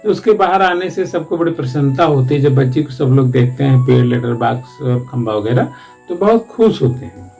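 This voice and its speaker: A man's voice: mid-range voice, lively intonation, normal speed, vocal fry, mellow, soft background music. A man, a teacher, explaining the story of a one-act play from a Hindi textbook in a loose, rambling way with frequent restarts.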